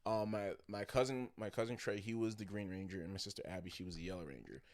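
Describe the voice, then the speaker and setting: A man co-hosting a podcast in casual chat, telling stories with lots of swearing and growing loud and excited as he goes. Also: lowish voice, quick pace. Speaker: podcast co-host.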